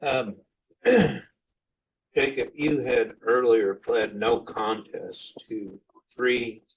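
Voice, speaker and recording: A man questioning formally as a defense lawyer in a courtroom, with a deliberate, halting delivery. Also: medium pitch, slight background noise, poor audio.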